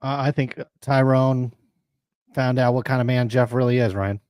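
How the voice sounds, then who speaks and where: A man co-hosting a live show speaks in a middling voice and drops short, sarcastic asides in a casual, deadpan way. The sound is close and dry, with no room echo. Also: mid-range voice, normal speed, smooth. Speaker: co-host of a live sports card radio show. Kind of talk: casual chat.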